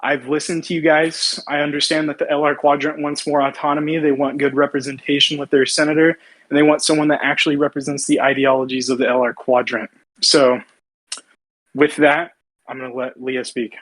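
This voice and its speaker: A man's voice: a little high, level tone, a little fast, a bit bright, low-quality recording. A young man speaking as a candidate in an online debate, assertive and emphatic in his delivery.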